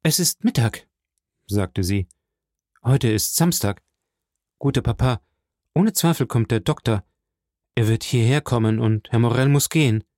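A man voicing a gentle, anxious young woman in a storybook reading, speaking in a raised, urgent and imploring way. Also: medium pitch, a little slow, long pauses, no room sound, studio quality, lightly acted.

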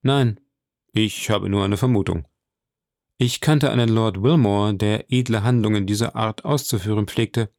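A mysterious count speaks calmly and gravely in a low voice, as a male narrator reads him. The voice is gravelly and recorded dry and close, and each line comes slow and measured. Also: no echo. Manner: measured and solemn.

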